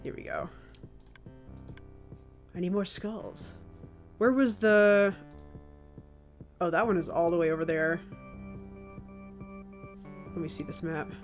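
A woman streamer giving casual, chatty commentary while she plays a game, reacting with quick exclamations. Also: lowish voice, fairly even intonation, soft background music.

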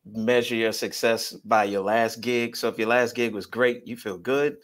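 Easygoing man, mid-pitched voice. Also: moderate pace. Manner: relaxed and easygoing, friendly. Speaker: musician guest. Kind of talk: casual interview chat.

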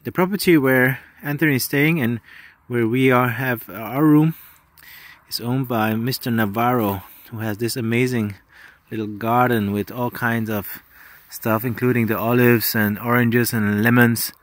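A man in his thirties chats his way through travel vlog narration on a hillside farm, phone extended at arm's length, with fillers and restarts. The voice is mid-range with fairly even intonation, a little slow, and there's no echo.

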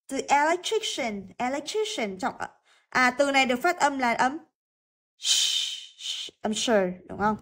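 A Vietnamese-accented woman explains English exercises in a high voice. She speaks slowly and carefully and repeats each word to model its pronunciation. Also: sharp tone. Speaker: English teacher.

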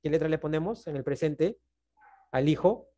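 Teaching math over a video call, a man with a Peruvian Spanish accent speaks at a moderate pace in a voice on the high side. He explains patiently and regularly checks with the class using "¿no?" and "¿está bien?".

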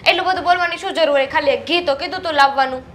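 A woman's voice: high-pitched, a bit bright, a little hiss or hum. An actress playing a young wife who complains to her husband about his mother. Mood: complaining. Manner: fast, complaining.

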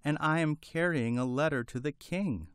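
A man's voice: on the high side, normal speed, smooth, dry recording, clean studio sound, voice pushed up, lightly acted. A man doing a timid chirping little hen. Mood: frightened. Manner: chirping, frightened, small.

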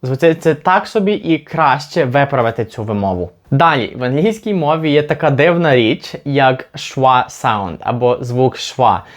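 A man from Ukraine teaching an English lesson, patiently repeating example words slowly to demonstrate them. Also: mid-range voice, expressive. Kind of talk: language lesson.

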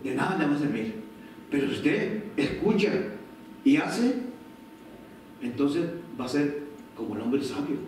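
A man's voice: sits high, darkish tone, slight background noise. A man preaching a sermon as pastor, speaking conversationally and acting out short quoted family exchanges. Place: church sanctuary. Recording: distant mic in echoey church hall.

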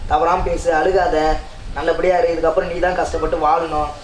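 A man's voice: on the high side, flat delivery, fairly quick, natural voice. A man with a southern Tamil accent playing a husband who is leaving to work abroad, coaxing his wife again and again not to cry. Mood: reassuring. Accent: southern Tamil Nadu. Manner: coaxing, repeatedly reassuring. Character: husband going abroad to repay debts. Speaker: skit actor. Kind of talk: comedy skit acting. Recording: roomy with faint ambience.

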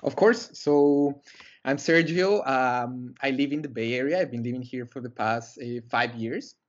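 A young Colombian man, a guest on a video-call interview, talks earnestly but with many fillers and restarts. His mid-range voice is unhurried. He's in a small indoor room using a headset, and the sound is lo-fi.

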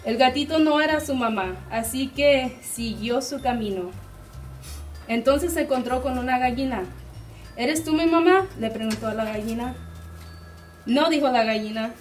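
A woman reading a children's picture book aloud to preschoolers, slow and deliberate. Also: on the high side, recorded from a distance, soft background music. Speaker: guest reader for preschoolers.

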